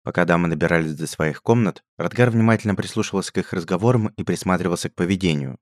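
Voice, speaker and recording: A man narrating a story in a calm, measured way. His voice is very low, and the recording is close and dry with no room sound. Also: no room sound. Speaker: audiobook narrator.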